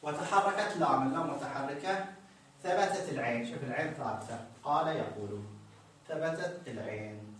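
A man's voice: on the high side, fairly quick, a bit bright, far from the mic, a little hiss or hum. A male grammar teacher, explaining a text to a class and repeating key phrases so students notice them. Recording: very echoey room, voice from off-mic.

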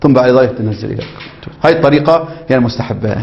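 A male teacher leads a jurisprudence lesson at a brisk pace, reading a passage and then unpacking it for his students. He keeps pausing to check that they follow and acts out phrases in several ways to show the difference. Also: medium pitch, creaky, background noise. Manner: explanatory, keeps checking understanding with the class. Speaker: religious teacher.

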